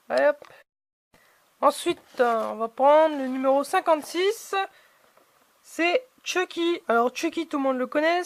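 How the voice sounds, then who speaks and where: A woman's voice: high voice, no echo. A woman chatting casually as she unboxes collectible figurines, hesitant and full of fillers.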